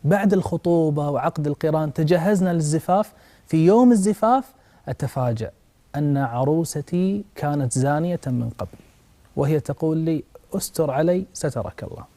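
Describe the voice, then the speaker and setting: A man preaching in a warm, mellow voice pitched a little high. He recounts a cautionary tale with passion, rising sharply at its tensest moments and turning often to address his listeners directly. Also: brisk. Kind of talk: religious talk with dramatic storytelling.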